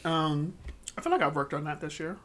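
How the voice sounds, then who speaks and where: A woman co-hosting a casual podcast chat, talking in a low-key, self-conscious way. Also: lively intonation, brisk, fairly bright tone. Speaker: podcast co-host. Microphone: studio microphone.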